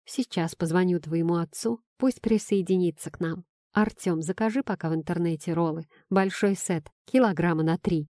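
A woman voicing a brisk, practical middle-aged mother-in-law. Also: on the low side, warm tone, no room sound, clean studio sound, natural voice.

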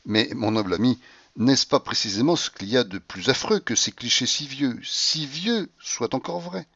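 A man narrating a classic novel as an audiobook, measured in pace, with a brooding first-person voice. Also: medium pitch, animated, bright, forceful tone, no echo, muffled recording. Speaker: audiobook reader.

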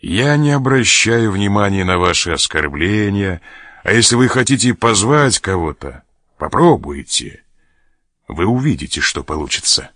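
A man's voice: on the low side, animated, moderate pace, fairly bright tone, no room sound, clean studio sound. A man reading aloud as a sly sailor who mocks and threatens an officer. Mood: mocking. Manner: mocking, laughs at threats. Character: sly mocking sailor, blackmailing a major.

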